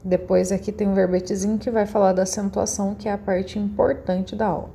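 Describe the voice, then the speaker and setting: A Brazilian woman teaching a recorded class, her voice mellow and darker in tone with a gravelly fry at the edges. She explains each step slowly and patiently, as if to young children. A faint hum of noise sits behind her. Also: mid-range voice, flat delivery. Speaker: schoolteacher.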